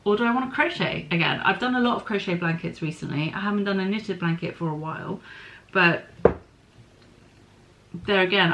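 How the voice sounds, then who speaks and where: In a rough recording, a podcast host talks easily about knitting and spinning. She's a middle-aged woman with a lowish, slightly bright voice, musing aloud and breaking off to say sorry for minor slips.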